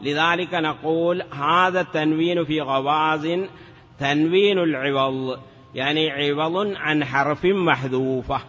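A man's voice: a little high, unhurried, a bit bright. Man chanting word patterns in a lesson. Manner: chants word patterns, asks rhetorical questions. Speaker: teacher of Arabic morphology. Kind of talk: classroom lesson. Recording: dull lo-fi sound with long reverb.

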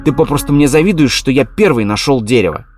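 A man's voice: mid-range voice, animated, fast, darkish tone, faint music behind, close to an everyday voice. A man voicing a small, stubborn and proud male teddy bear in an audiobook, with a whiny, indignant way of talking. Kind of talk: audiobook character voice.

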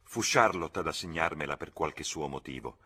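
A spirited, torn young woman read by a man, lifted a little above a deep husky voice. She sounds quick and impulsive in a storybook reading. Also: animated, sharp tone, exaggerated voice.

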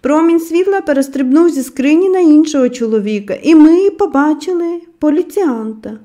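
A woman narrating an audiobook in a measured storytelling manner, letting her voice drop softly at the ends of phrases. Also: sits high, lively intonation.

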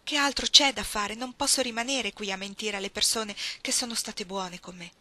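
Audiobook: woman voicing a hesitant, torn young woman, soft and wistful, bright tone. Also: mid-range voice, steady tone, normal speed. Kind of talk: audiobook reading.

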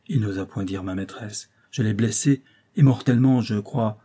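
A man's voice: on the low side, moderate pace, dark tone, close to an everyday voice. A man voicing a passionate, desperate young nobleman in a story reading, pleading in a raised voice. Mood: fervent.

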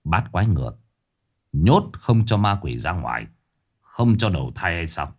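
A man voicing a gruff, impatient old male exorcist who talks curtly and bossily. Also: deep voice, very animated, a little slow, voice pushed down, heavily acted. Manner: curt, bossy.

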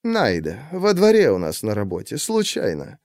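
A man's voice: fairly low pitch, wildly swooping pitch, moderate pace, darkish tone, dry recording, clean studio sound. A man voicing a furtive middle-aged husband who mumbles evasively and turns harsh.

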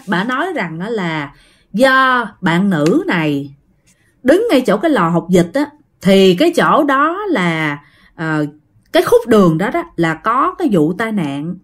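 A woman telling a ghost story in a chatty way, often addressing her listeners directly. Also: medium pitch. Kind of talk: casual ghost-story narration.

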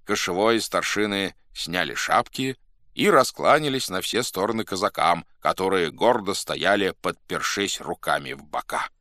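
A man narrating a classic story in an expressive, theatrical reading. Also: deep voice, normal speed, no room sound, studio quality. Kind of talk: scripted audiobook narration.

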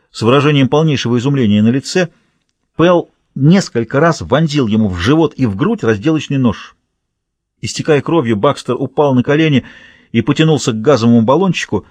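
Brief: male audiobook reader, measured thriller narration, husky tone, dry studio sound. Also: medium pitch, darkish tone, no echo.

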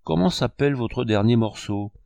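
A man's voice: medium pitch, expressive, moderate pace, creaky, a little mellow, no room sound. A man voicing a curious provincial widow. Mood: musing. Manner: plain, wondering remarks.

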